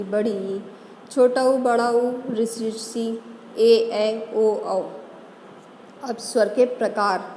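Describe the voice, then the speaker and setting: Slow, careful woman teaching grammar. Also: a little high, dark tone, slight background noise. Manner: slow, methodical, spells out letters one by one. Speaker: Hindi teacher. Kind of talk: classroom grammar lesson. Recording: echoey room, long reverb, faint ambience.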